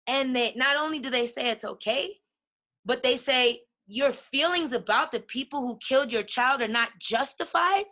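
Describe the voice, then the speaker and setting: A woman's voice: high voice, moderate pace, pushed and bright. A woman guest on a podcast, talking passionately and emphatically, often checking in with "right?". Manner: emphatic, keeps asking "right?". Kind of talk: passionate conversation.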